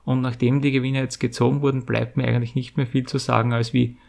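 Deep-voiced man, slightly gravelly. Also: level tone, quick pace, a little mellow. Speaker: YouTube channel host. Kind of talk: scripted giveaway announcement to viewers.

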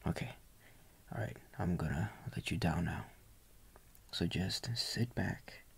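A young man takes on the role of a tender boyfriend in a soft ASMR roleplay, using a low-sitting, exaggerated voice. He stays gentle, coaxing and reassuring, breathing his lines and often dropping nearly to a whisper.

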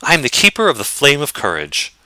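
A gracious noblewoman of a fantasy game, as a deep-voiced man puts her on with a lifted, higher pitch. Her phrasing is courtly and old-fashioned. The bright, close sound stays dry. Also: huge pitch swings, brisk, clear, resonant tone, dry recording, exaggerated voice. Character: gracious noblewoman, lady of a castle.

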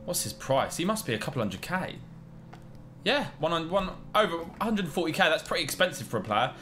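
Bright-voiced young British man, gaming chat. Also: on the high side, big pitch swings, brisk, slight background noise. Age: 20s. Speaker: gaming YouTube host. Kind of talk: casual gaming commentary. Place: small room at home.

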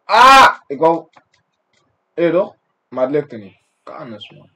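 A young man from the Netherlands giving excitable, slang-filled gameplay commentary, breaking into sudden yelps and shouts. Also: on the high side, slow. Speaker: gaming streamer.

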